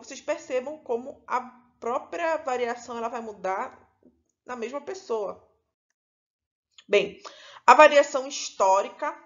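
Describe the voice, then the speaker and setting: A woman's voice: fairly high pitch, dull audio. Pará-accented woman teacher explaining a lesson. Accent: Paraense Brazilian Portuguese. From Pará, Brazil. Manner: explanatory, with frequent "né" and self-corrections. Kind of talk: recorded lesson.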